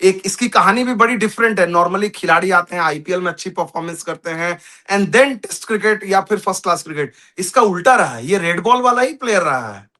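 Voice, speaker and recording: Need an indian guy with a high bright voice, animated, ribbing his co-host about cricket. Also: brisk, hardly any pauses. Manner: animated, bantering. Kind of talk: casual cricket chat.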